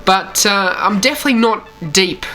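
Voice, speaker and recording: Over gameplay, a man from Australia with a mild accent hosts his gaming channel with casual, rambling commentary full of "you know" and other fillers. His voice is high, bright and pushed, at a normal speed. There's slight background noise.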